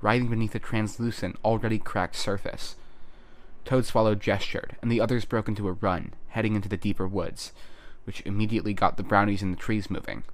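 Brief: male narrator, lowish voice, measured reading for a fan audiobook. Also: level tone. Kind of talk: scripted narration.

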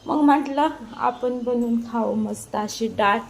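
A middle-aged woman chats informally for a home cooking vlog, hoarse from a sore throat, her voice giving out. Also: a little high, measured pace, very noisy. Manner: chatty, repetitive, informal. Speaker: homemaker video blogger. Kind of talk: casual cooking vlog chat. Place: home kitchen.

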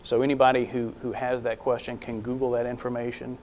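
A man's voice: mid-range voice, little pitch movement, a little fast, darkish tone. Man, middle-aged, public service announcement, methodical explanatory delivery, lapel mic, faint background noise. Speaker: district attorney. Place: small indoor studio.

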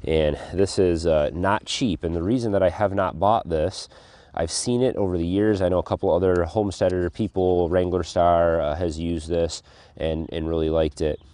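A man with a deep, mellow voice gives a casual hands-on tool demonstration outdoors. He talks in a loose, rambling way, restarting his sentences and filling pauses with "uh" and "you know.". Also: fairly even intonation, dry recording. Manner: rambling, with frequent restarts and fillers. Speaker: homestead channel host. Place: outdoors on a farm.

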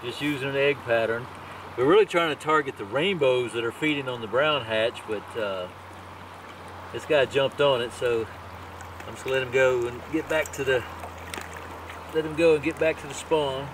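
A man speaks casually and matter-of-factly while fishing outdoors on a riverbank. His middle-pitched voice comes from some way off the camera. The rush of water runs clearly underneath. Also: normal speed. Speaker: fishing companion. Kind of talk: casual on-site commentary. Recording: distant outdoor camera audio with stream noise.

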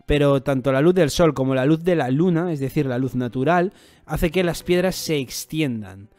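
A man voicing a serious male doctor giving grim news, in a plain, measured reading. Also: on the high side, a little mellow, lightly acted. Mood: grave. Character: grave male doctor delivering bad news.

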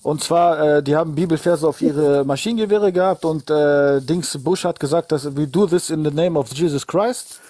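Combative man, higher voice, halting. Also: mellow, no echo. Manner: combative, interrupting, halting with fillers. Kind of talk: heated religious debate.

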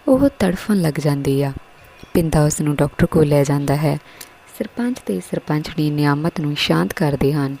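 A woman narrating a scripted story in a steady, earnest way. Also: sits low, vocal fry, husky, rough recording.

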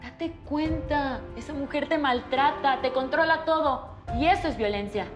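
A protective sister, played by an actress, blunt and insistent. Her voice is high and bright, and a dramatic score plays underneath. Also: moderate pace, music in the background, natural voice. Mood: concerned.

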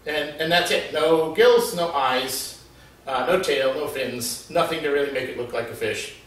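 A middle-aged animal behaviorist from the Florida Keys in the USA gives an explanatory video lesson on a covered porch with a wooden wall. His slightly high, somewhat bright voice stays measured and patient, often pausing on "uh." Seated a little back from the mic, he sounds slightly distant, and the space is very echoey.

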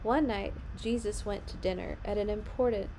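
A young adult woman reads picture books aloud to children with expression, adding her own little asides about the story. Her voice is mid-range and mellow at a normal speed, recorded at home in a small indoor room with rough quality and noticeable background noise.

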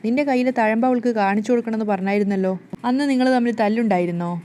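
A woman voicing a scheming old grandmother who coaxes and teases, quick and plain in delivery. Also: fairly high pitch, dark tone, slight background noise, lightly acted. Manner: teasing, wheedling.

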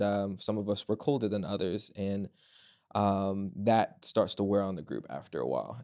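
Low-voiced young man, measured and reflective. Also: mellow. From Virginia. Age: 20s. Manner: measured, with frequent pauses and fillers. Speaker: student guest. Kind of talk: thoughtful interview answers. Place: bright office room with large windows.

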